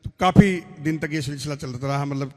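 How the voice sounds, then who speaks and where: A man's voice: on the high side, fairly quick. A veteran soldier giving an earnest, blunt talk to an audience, telling his own story. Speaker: army veteran speaker. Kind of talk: speech to an audience. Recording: reverberant hall.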